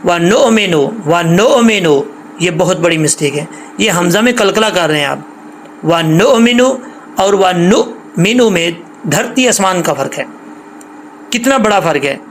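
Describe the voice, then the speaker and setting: A man with a fairly high voice teaches tajweed. He explains briskly between slow, stretched-out recited examples. A faint hiss sits behind him. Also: lively intonation. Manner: explains quickly, then recites words slowly and drawn out.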